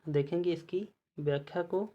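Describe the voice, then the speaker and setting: A male teacher giving an exam-prep lesson, reading out quiz questions and their options one by one in a measured way. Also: a little high, muffled recording.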